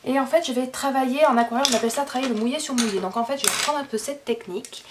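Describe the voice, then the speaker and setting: A woman's voice: high voice, rapid-fire, noisy background. Chatty woman teaching a coloring tutorial. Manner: chatty, with frequent fillers and self-corrections. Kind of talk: casual spoken tutorial.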